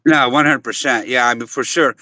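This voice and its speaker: Middle-aged man, bright tense voice, dry sound, earnest, casual host, frequent restarts. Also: medium pitch, fairly quick, dry recording. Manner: earnest, with frequent restarts and "you know" fillers. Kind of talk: casual chat on a live audio space.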